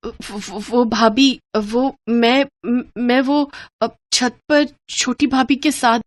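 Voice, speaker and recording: A woman voicing a frightened teenage girl in an animated storybook, speaking hesitantly and stammering. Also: on the high side, takes it slowly, voice pushed up. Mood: timid.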